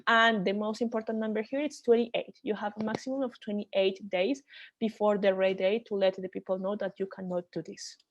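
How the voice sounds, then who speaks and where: A woman's voice: medium pitch, fairly even intonation, fairly quick, dull audio. A woman leading an online training call, explaining rules step by step with frequent restarts.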